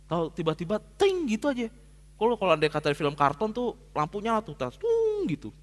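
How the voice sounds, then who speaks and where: A male pastor preaches in a church hall, his fairly high voice rising and falling with animated swings. He tells a story in casual slang, now hushed, now loud, and long reverb trails each phrase. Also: fast talker. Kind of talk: sermon.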